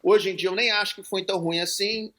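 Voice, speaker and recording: Middle-aged man, high bright voice, loose and profane storyteller. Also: fairly even intonation, a little fast. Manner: loose, profane anecdote-telling with laughs. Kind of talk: casual chat.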